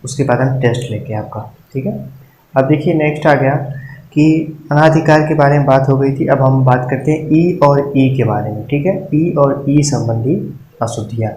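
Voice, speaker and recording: A man explains spelling rules at an unhurried teacher's pace, sounding out words and checking that his listeners are following. His voice sits at a middle pitch. The recording carries a noticeable room echo and a light background hiss. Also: darkish tone. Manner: repeats words slowly and checks in with frequent "ठीक है". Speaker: Hindi exam-prep teacher. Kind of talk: casual classroom-style explanation. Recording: echoey room with faint noise.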